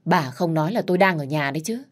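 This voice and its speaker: A woman's voice: low-pitched, lively intonation, fast talker. A woman voicing a cowardly, spoiled young man who talks in an anxious, whining way in a storybook reading. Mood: scared.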